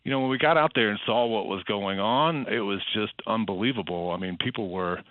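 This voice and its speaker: A man's voice: fairly low pitch, a little fast, dry recording. Man, from Colorado, earnest storytelling, dry close sound, narrow phone-like band. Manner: earnest, with frequent "you know" fillers. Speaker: interview guest, RV donor. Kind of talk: conversational storytelling.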